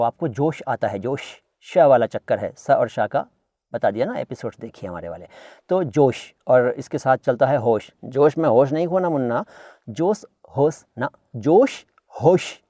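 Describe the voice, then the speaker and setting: A man's voice: mid-range voice, a little mellow, no room sound. A man giving a casual, playful vocabulary lesson, repeating words to correct their pronunciation. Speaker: Hindi-Urdu language teacher.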